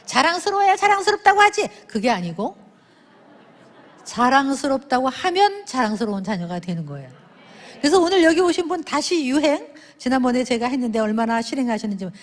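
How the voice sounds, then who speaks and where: A woman speaking at a church service, telling lively stories and acting out the people in them with big swings in her voice. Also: a little fast. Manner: animated, acts out dialogue with big pitch swings. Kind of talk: lively sermon storytelling with acted quotes. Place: church sanctuary. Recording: long reverb of a church hall.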